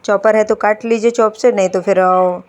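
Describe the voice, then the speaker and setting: A woman's voice: mid-range voice, steady tone, moderate pace. A woman in her thirties narrating her home vlog in a chatty, homely way, talking to viewers as friends. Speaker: vlogger, homemaker. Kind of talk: casual voice-over home vlog.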